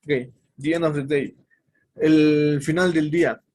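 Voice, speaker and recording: A man's voice: a little high, steady tone, slow pace, darkish tone. Man teaching English, chatty. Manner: explains step by step, with many fillers and self-corrections. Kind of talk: casual online English lesson.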